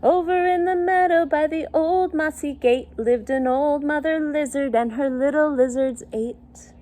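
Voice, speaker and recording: A children's circle time teacher and story reader reads a picture book to young children in a sing-song style. Her voice is high with a dark tone and a slightly slow pace, and she uses simple child-directed phrasing and little questions.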